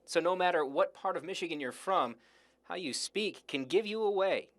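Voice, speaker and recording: Male TV reporter voice-over, higher pitch, animated delivery. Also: moderate pace. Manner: lively, polished narration. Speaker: news reporter. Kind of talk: scripted news voice-over.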